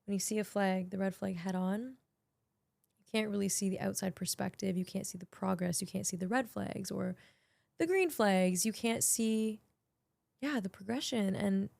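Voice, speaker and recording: Young woman, podcast host, chatty solo reflection, gravelly fry, dry close sound. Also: mid-range voice, moderate pace, darkish tone, dry recording. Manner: chatty, emotional, many filler likes. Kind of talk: casual reflective monologue. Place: small podcast studio.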